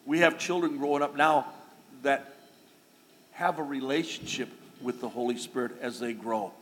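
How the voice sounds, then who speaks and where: In a church sanctuary, a middle-aged man delivers his sermon like a chat with his congregation, full of side comments and small jokes. He speaks at normal speed with a medium pitch and fairly level intonation. Faint noise and a church hall's long echo fill the recording.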